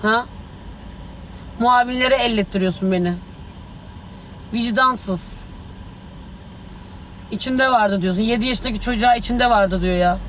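A man's voice: very high voice, unhurried, pauses often, a bit bright, a little hiss or hum, low-quality recording. A man speaking angrily and agitatedly to tabloid reporters, swearing as he talks. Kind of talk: heated street remarks to the press.

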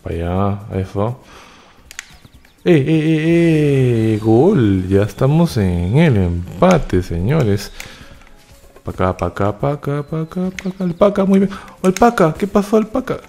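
A man giving excitable live commentary over a video game, cheering and repeating words in quick bursts. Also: medium pitch, faint music behind. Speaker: gaming YouTuber.

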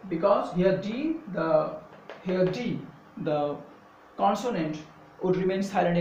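A man's voice: high voice, a little mellow. A man teaching English pronunciation, explaining patiently and spelling words out letter by letter, switching into English phrases. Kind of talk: spoken lesson to camera. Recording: echoey, dull, slightly distant with faint hum.

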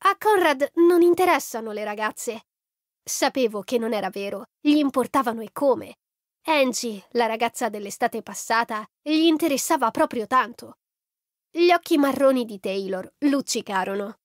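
A woman reading a first-person story as an audiobook narrator in an even storytelling delivery. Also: fairly high pitch, moderate pace, no echo, studio quality.

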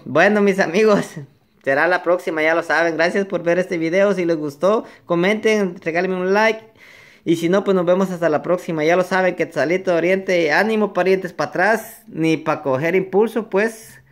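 A man's voice: high-pitched, moderate pace. A nervous, playful man chatting casually to his viewers as a vlogger, joking and singing to himself. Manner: excitable, playful, jokes and sings along.

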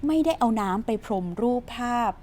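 A woman's voice: on the high side, expressive, normal speed, dark tone, a little hiss or hum. A woman teaching English from a news story in a chatty, playful way, quizzing her viewers and answering herself, and reading English.

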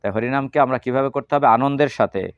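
A man's voice: mid-range voice, clear, resonant tone, no echo. Man teaching a scripture class, asks and answers questions, dull recording, dry room. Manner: leads slow chanting. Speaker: religious teacher. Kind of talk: Gita lecture to a class.

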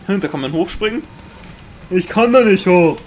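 Excitable Bavarian gaming commentator, man. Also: sits high, normal speed, slight background noise. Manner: excitable, swears often, makes sound-effect noises. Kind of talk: Let's Play commentary.

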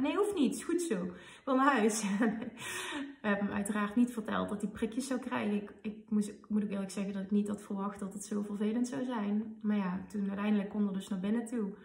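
A woman in her thirties, a podcast host, telling a personal story in an emotional, animated way. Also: mid-range voice, vocal fry. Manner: emotional, animated retelling with quoted dialogue. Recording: roomy, slightly distant mic.

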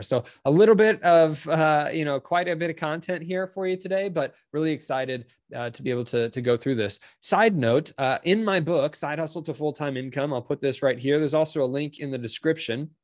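A congested man with an ordinary mid-range voice talks through a tutorial in a relaxed, chatty way. He sounds upbeat and friendly, with lots of small fillers as he goes. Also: medium pitch. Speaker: channel host. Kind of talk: casual tutorial explanation.

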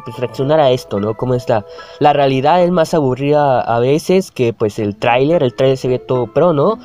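A man's voice: a little high, darkish tone. Chatty young man reacting, laughing. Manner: chatty, laughs often, exclaims at the screen. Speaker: YouTuber reacting to a video. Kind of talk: casual reaction commentary.

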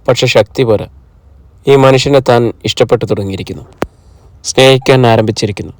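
A man calmly narrating a novel as an audiobook, in a measured reading manner. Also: mid-range voice, a little hiss or hum.

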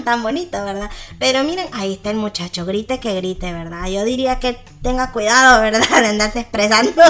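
A woman's voice: fairly high pitch, fairly bright tone. A woman with a Salvadoran accent hosting a gossip channel, chatting casually and laughing often. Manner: chatty, laughs often, keeps tagging "¿verdad?".

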